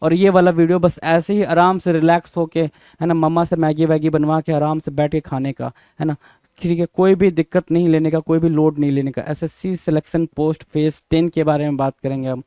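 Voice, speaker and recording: A man's voice: a little high, flat delivery, a little fast, warm tone, clean tone, no room sound. A man teaching English vocabulary for exam prep in a casual style, repeating words, spelling them out letter by letter and answering his own questions. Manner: informal, addresses students as brother. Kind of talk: exam-prep lesson, call and response.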